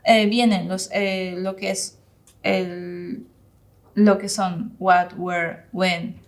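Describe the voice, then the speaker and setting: A woman giving an informal online English lesson in Spanish. She models English phrases slowly, searches for words and fills her pauses. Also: lowish voice, flat delivery. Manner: hesitant, searches for words with many fillers. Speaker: English instructor.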